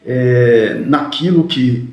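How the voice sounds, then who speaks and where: A man teaching a recorded video lecture, talking quickly and tagging his sentences with questions to the students. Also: mid-range voice, darkish tone, reverberant. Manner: talks fast, often adds "né?".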